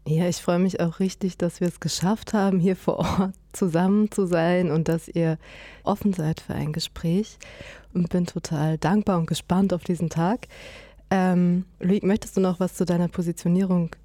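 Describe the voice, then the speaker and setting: A woman hosting and moderating a conversation, speaking in a measured way with frequent pauses and fillers. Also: on the low side, fairly even intonation, dark tone, no room sound, studio quality. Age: adult, mother. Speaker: host and interviewer.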